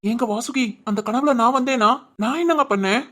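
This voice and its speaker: A woman voicing a gentle young husband who soothes and teases his wife in a village family drama. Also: on the high side, brisk, close to an everyday voice. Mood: soothing. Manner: soothing, teasing. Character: gentle reassuring young husband, loving and playful.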